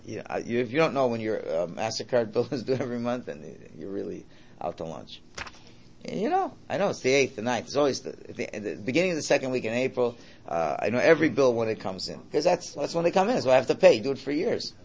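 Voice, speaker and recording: A man with a creaky, gravel-edged voice teaches religion informally. His pitch swings up and down in a lively way as he repeats each point. He throws out rhetorical questions and keeps checking in with his listeners. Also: fast. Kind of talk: informal Torah lesson, translating and explaining a text.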